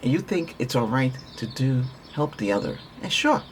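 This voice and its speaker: A man speaks at an ordinary pitch, talking through a Reiki healing session in a rambling, earnest way. He repeats himself and restarts sentences as he goes. Birdsong chirps faintly in the background. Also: animated, moderate pace, slight background noise. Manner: earnest, repetitive, conversational, with restarts. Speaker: Reiki practitioner.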